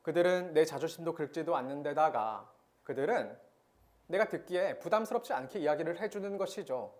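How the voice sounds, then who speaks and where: A young man delivers a sermon to a youth congregation in an easy, talking manner. He keeps asking the listeners rhetorical questions. When he reads scripture, his pace turns steady and measured. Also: on the high side. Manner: conversational preaching with frequent rhetorical questions. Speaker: pastor.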